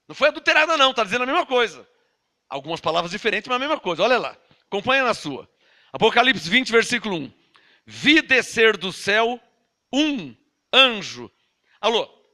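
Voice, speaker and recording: A Brazilian pastor in his fifties preaches with a very high, strikingly bright voice. He repeats his points emphatically and keeps asking his listeners whether they follow. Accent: Brazilian Portuguese. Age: 50s. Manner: emphatic, repetitive, asks the audience questions. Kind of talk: Bible teaching sermon.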